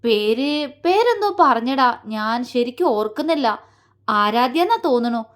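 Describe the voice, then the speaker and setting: A woman's voice: on the high side, animated, a little slow. A woman voicing a young man, a casual, matter-of-fact friend talking on the phone in an audio story.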